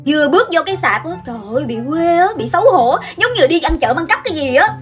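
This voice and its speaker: A young woman, telling a comic childhood story in an animated, dramatic way. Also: sits high, quick pace, faint music behind. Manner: animated and dramatic, acts out scenes. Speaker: vlogger.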